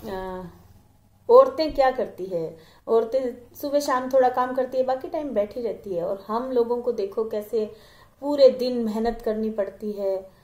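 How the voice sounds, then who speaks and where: A woman's voice: a little high, unhurried, mellow, roomy sound, close to an everyday voice. A woman voicing a tired male village peddler who grumbles and then pleads. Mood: grumbling.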